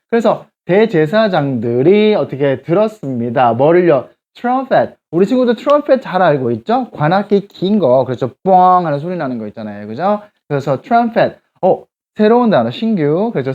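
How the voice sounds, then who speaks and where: A man teaching children in a church class, patient and explaining slowly while he checks in often with the kids. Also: fairly high pitch, a little mellow, muffled recording. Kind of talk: explaining Bible verses to children.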